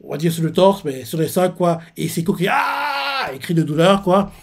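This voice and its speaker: Reaction host, male, somewhat high voice, rambling casual recap. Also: brisk, a little mellow. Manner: rambling, with constant filler tags and restarts. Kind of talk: casual recap of a manga chapter.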